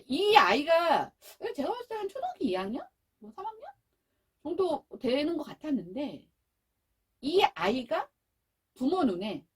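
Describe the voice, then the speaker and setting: A woman with a high, lively voice gives a lecture and swings her pitch widely as she tells stories. She is middle-aged and brings anecdotes to life by acting out the voices in them, a parent educator speaking to an audience. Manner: animated storytelling, acting out quoted voices.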